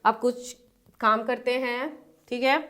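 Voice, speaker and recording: A woman with a slightly raised pitch teaches a primary-school lesson. She moves through each point step by step, asking questions and answering them herself, and repeats key definitions. Her delivery is patient and steady. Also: slow. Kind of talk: classroom lesson.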